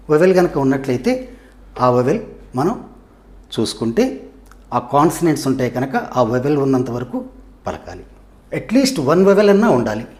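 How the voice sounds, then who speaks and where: A man's voice: mid-range voice, darkish tone. A middle-aged man with a Telugu accent teaching an English grammar lesson. He asks questions and answers them himself, and he sounds out words one syllable at a time.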